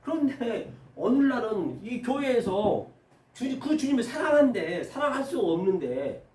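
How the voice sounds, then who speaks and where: A man preaching a sermon lecture, animated and colloquial, acting out Bible dialogue in rough everyday speech. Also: very high voice, measured pace, echoey room, far from the mic.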